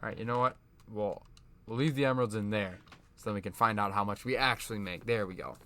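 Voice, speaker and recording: A man's voice: fairly low pitch, quick pace, pushed and bright. A young man giving casual, rambling commentary over his own gameplay, often correcting himself and laughing at himself. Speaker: gaming YouTuber.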